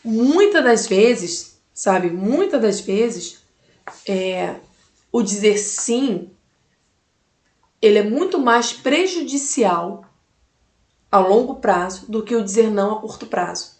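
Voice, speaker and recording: A woman's voice: mid-range voice, lively intonation, slow, long pauses. Emphatic woman giving advice in an echoey room. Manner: emphatic, repeats key phrases, asks the listener direct questions. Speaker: mother giving life advice. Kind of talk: motivational talk to the viewer.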